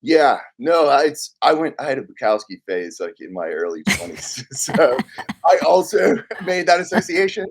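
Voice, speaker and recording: A man's voice: mid-range voice, very animated, moderate pace, breathy edge. A middle-aged man from Oklahoma, a guest writer talking in a casual conversation, rambling and correcting himself as he goes. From Oklahoma, United States. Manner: rambling, self-correcting, heavy on filler "like".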